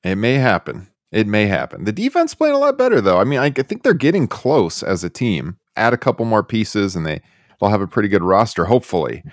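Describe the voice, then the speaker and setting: A Chicago-area man hosts a podcast, chatting about reviews in a relaxed, self-deprecating manner. His voice is fairly low and sing-song, moving at a quick clip, with a clean, echo-free studio sound.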